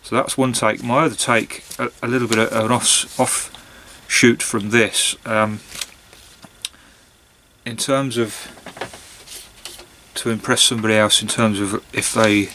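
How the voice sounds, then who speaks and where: Slow, creaky-voiced man, musing. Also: lowish voice, flat delivery, bright, forceful tone, slight background noise. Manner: hesitant, musing, long pauses and trailing phrases. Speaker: pipe-smoking vlogger. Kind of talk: casual monologue to camera.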